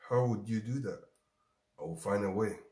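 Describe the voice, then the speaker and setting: A man's voice: fairly low pitch, moderate pace, mellow, roomy sound. A man with a Ghanaian accent hosting a show, giving a motivational talk and repeating lines for emphasis. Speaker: show host.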